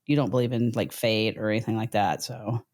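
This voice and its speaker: A woman's voice: rumbling low, fairly even intonation, brisk, a little mellow. A middle-aged woman co-hosting a casual talk show with her husband, telling stories in a rambling, candid way. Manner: rambling, candid, country-flavored storytelling. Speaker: podcast co-host.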